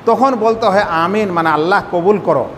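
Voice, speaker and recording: High-voiced man teaching in a reverberant hall. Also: moderate pace, fairly bright tone. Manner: explains step by step, asks the audience rhetorical questions. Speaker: Islamic scholar teaching prayer. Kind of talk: sermon-style religious lesson. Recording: hall reverb, faint rumble.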